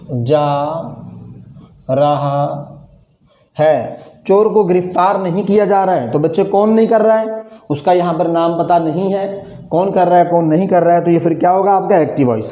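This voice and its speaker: A man's voice: high voice, brisk, mellow, echoey room. A male English grammar teacher, lecturing classroom-style, drilling students with repeated questions.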